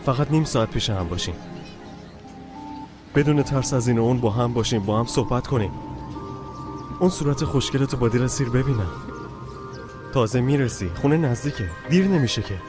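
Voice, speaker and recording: A man's voice: medium pitch, pauses often, music in the background, close to an everyday voice. An actor playing a lovesick young man who pleads and coaxes his girlfriend in a TV drama. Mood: coaxing. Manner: pleading, coaxing. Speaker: young lover. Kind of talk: TV drama dubbed dialogue.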